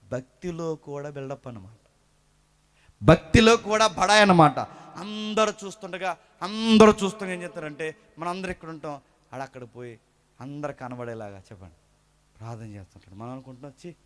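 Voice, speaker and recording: A male preacher with a notably high voice delivers a lively sermon. He throws out rhetorical questions and slips into quick impressions of people in his congregation. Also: a little hiss or hum. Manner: animated, rhetorical questions, mimics churchgoers.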